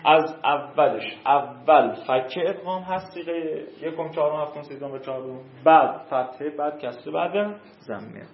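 A man's voice: on the high side, hardly any pauses. A male teacher giving a classroom grammar lesson, drilling verb forms and quizzing his students. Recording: dull, roomy classroom recording.

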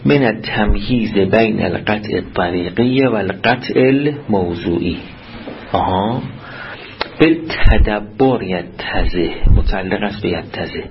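Low-voiced man giving a seminary lecture. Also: lo-fi sound, slight background noise. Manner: reads Arabic text then explains it in Persian, quizzing students. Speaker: seminary teacher. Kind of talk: classroom lecture on jurisprudence.

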